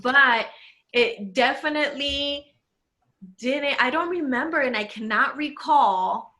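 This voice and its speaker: Woman from el salvador, casual podcast chat, bright and animated, laughs a lot. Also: sits high. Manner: animated, laughs often, quick bursts. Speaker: podcast co-host. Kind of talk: casual conversation.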